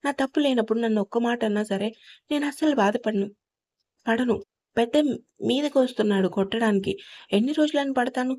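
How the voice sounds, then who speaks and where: A woman's voice: a little high, a little fast, long pauses, darkish tone, close to an everyday voice. A woman voicing a hurt, defiant young wife in an audio story, speaking emotionally. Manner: pleading then defiant, emotional.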